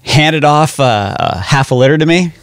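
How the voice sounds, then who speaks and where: A man guesting on a podcast, telling relaxed, rambling anecdotes in casual chat. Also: on the high side, moderate pace, clear, resonant tone, no echo, studio quality.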